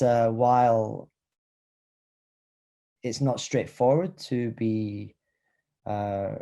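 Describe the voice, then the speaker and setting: Man, academic lecture, video call mic, mellow tone, hesitant, many fillers and restarts. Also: medium pitch. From Highlands of Scotland. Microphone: video call computer mic.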